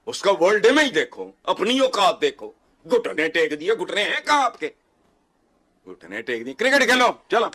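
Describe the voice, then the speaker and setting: A man's voice: a little high, fairly bright tone. A man, scornfully making his case on a TV panel and repeating words for effect. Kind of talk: heated TV panel commentary.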